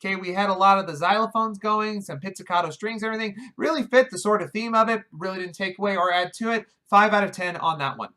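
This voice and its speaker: A man's voice: sits high, quick pace, few pauses, bright, forceful tone. A man giving a casual video review of a film, wry and exasperated, often restarting his sentences. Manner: wry, exasperated, talks over himself with restarts.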